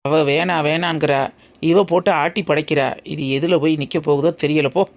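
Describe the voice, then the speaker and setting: A woman voicing a worried, grumbling woman in a cartoon, speaking slowly. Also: sits low, steady tone, muffled recording, pitched below the performer's own voice, lightly acted.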